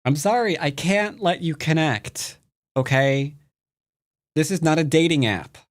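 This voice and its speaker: Commentating on his own Go match live, a US streamer who teaches the game speaks in a fairly high voice at an easy pace. He ribs his opponent throughout in playful trash talk.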